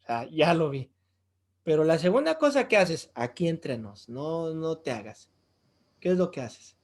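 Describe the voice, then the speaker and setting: A man with a Mexican accent, a pastor teaching a Bible lesson with lively stories and rhetorical questions to the audience. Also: fairly high pitch, moderate pace. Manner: jokes and chuckles while telling stories.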